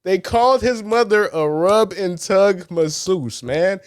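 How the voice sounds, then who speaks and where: With a high, expressive voice and a slow pace, this sports podcast co-host talks casually, bluntly and profanely. He animates his stories and quotes other people; there's no room sound, and the quality is studio-grade.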